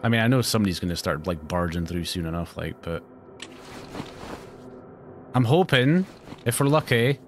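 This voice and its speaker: Man, game streamer, jumpy, swears a lot, talks to chat, very lively pitch. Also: normal speed, long pauses, faint music behind. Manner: jumpy, swears often, chats to viewers. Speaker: let's play streamer. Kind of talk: live gameplay commentary.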